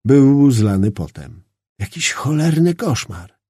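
A man narrating a novel as an audiobook in an expressive, dramatic storytelling style. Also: mid-range voice, takes it slowly, breathy edge, dry recording, studio quality. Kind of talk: scripted narration.

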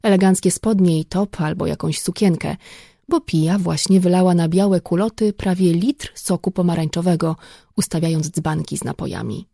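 A woman reading an audiobook in steady, even scripted narration. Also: lowish voice, normal speed, creaky, no echo, clean studio sound.

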